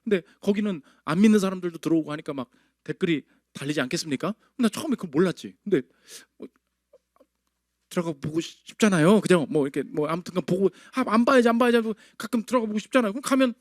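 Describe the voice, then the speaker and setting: A man's voice: sits high, quick pace, no room sound, clean studio sound. A male pastor preaching a sermon in a conversational way, firing rhetorical questions at his congregation.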